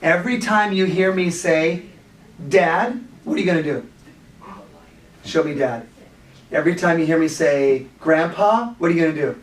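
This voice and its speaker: A man's voice: on the high side, normal speed, long pauses. A man teaching a children's Bible class, encouraging the kids and prompting them with questions. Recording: echoey room, mic far off.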